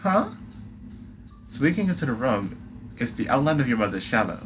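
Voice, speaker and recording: A man's voice: mid-range voice, expressive, brisk. A man reading a game's second-person story aloud as narrator, with dramatic delivery. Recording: clear background noise.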